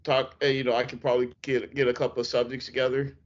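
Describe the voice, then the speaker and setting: Halting man wrapping up a chat. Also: mid-range voice, flat delivery, lo-fi sound. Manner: rambling, halting, many fillers. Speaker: podcast host. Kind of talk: casual chat.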